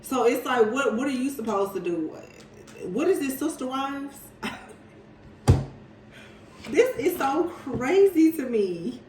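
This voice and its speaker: A woman's voice: high-pitched, lively intonation, takes it slowly, long pauses, darkish tone, slight background noise. A woman giving a casual tarot reading, chatty and incredulous, often breaking into laughter. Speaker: tarot reader. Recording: roomy sound, mic at a distance.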